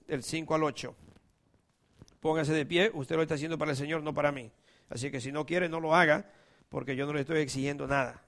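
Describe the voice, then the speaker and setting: A man preaching in a church with a somewhat high voice. He pleads and calls out with passion, then drops to a hushed, intimate tone for prayer. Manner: impassioned, swings between loud appeals and hushed prayer. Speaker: pastor. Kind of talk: sermon with scripture reading and prayer.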